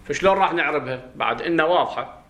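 Iraqi sheikh teaching grammar in echoey room. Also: male voice, fairly high pitch, lively intonation, a bit bright. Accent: Iraqi Arabic. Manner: explains slowly, quizzing students, chanting verses. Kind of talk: classroom grammar lesson. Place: classroom. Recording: roomy classroom echo.

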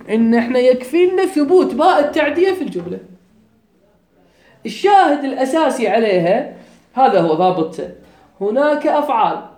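Kuwaiti man lecturing, lively pitch. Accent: Kuwaiti Arabic. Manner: explains step by step, often checks understanding. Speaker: grammar teacher. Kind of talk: classroom lecture. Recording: echoey room.

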